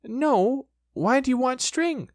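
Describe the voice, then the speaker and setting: A man voicing a small timid piglet from a children's storybook, squeaky, childlike and eager to seem brave. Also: lively intonation, slow, no room sound, studio quality, full character voice. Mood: chirpy.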